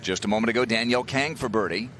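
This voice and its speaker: A man's voice: medium pitch, fast talker. A man acting as a golf commentator, calling play in live television coverage. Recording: very noisy outdoor broadcast ambience. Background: loud outdoor course noise.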